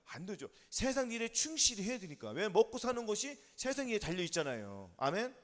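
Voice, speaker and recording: A male pastor preaches in a very high, lively voice that leaps up and down in pitch. He talks quickly and emphatically, repeating himself and pressing his listeners with rapid yes-or-no questions and calls of amen. The sound carries a long reverb from a church hall. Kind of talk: sermon.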